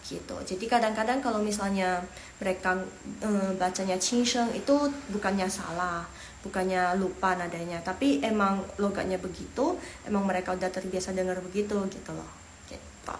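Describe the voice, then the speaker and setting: An Indonesian woman giving a casual online Mandarin lesson, chatty and slowly repeating words for pronunciation. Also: medium pitch. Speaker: Mandarin teacher. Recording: roomy echo with faint room noise.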